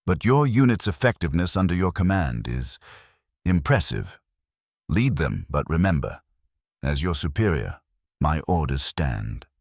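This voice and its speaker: A man voicing a cold, stern army captain with a faint German accent, clipped and commanding, in a dark fantasy audio story. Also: a bass voice, very animated, unhurried, gravelly, no room sound, clean studio sound, exaggerated voice.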